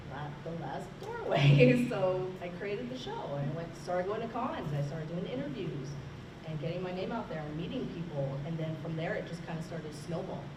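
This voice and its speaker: A woman, a horror host, casually telling anecdotes about her work on a convention panel. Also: fairly low pitch. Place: large room at a convention, panel. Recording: roomy, distant, noisy convention hall recording.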